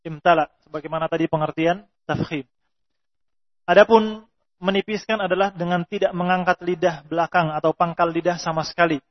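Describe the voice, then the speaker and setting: A man teaching Quran recitation rules, reading Arabic lines slowly and explaining them, with drawn-out pronunciation examples. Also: sits high, fairly even intonation. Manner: reads Arabic text slowly, then explains in Indonesian. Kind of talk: explaining tajweed rules from a text. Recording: dull lo-fi recording.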